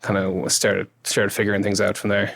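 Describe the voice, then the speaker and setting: A man's voice: on the low side, monotone, fairly quick, creaky, fairly bright tone, no room sound. A man in his thirties with a west of Ireland accent, chatting casually as an interview guest in an informal, rambling way that often corrects itself. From Galway, west of Ireland. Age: 30s. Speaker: interview guest, YouTube creator and engineer.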